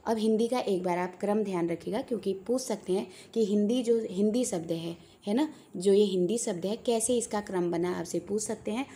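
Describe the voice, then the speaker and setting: A woman's voice: medium pitch, normal speed, few pauses, mellow, breathy edge. A woman teaching an exam-prep lesson, patiently repeating key points and checking in with her students as she goes.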